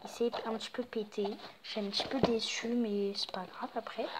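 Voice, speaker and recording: A woman's voice: a little high, level tone, a little fast, heavy background noise. A young woman giving a casual, rambling tour of her home's Christmas decorations, with many fillers. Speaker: vlogger. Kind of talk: casual home tour vlog.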